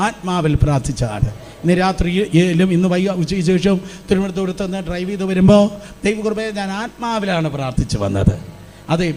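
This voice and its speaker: A man preaches with fervour, calling on the congregation to repeat his lines back aloud. His voice sits high for a man, with a mellow, dark tone. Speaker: pastor. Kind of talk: Pentecostal sermon with call-and-response. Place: church hall before a congregation.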